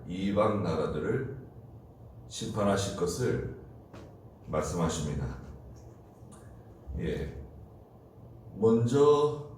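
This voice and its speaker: A man preaching a slow, deliberate early-morning sermon as pastor, asking rhetorical questions. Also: on the low side, a little mellow. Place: church. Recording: roomy, distant mic with faint noise.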